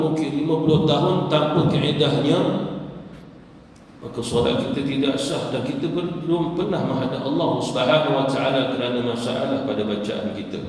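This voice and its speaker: A man's voice: medium pitch, a little mellow, slight background noise. A Malaysian man teaching a sermon on Quran recitation, breaking into chanted recitation to show each example. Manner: demonstrates recitation in a chanted melodic voice. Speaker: religious teacher. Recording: echoey hall heard from a distance.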